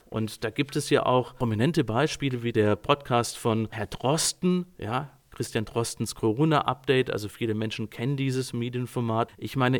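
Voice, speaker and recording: A man working as a communication coach, talking calmly and directly to his listeners, addressing them formally. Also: medium pitch. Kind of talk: informal talk to listeners.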